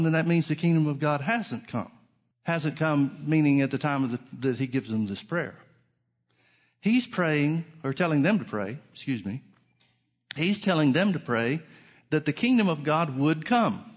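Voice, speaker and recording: Man preaching at a pulpit microphone. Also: medium pitch. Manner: steady teaching tone, reads scripture in old Bible wording. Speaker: pastor. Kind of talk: sermon.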